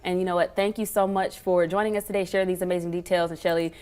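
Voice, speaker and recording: A woman's voice: fairly low pitch, fairly even intonation, quick pace, darkish tone, clean tone. A woman hosting a talk-show interview in an effusive, affirming, upbeat manner. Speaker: TV interview host.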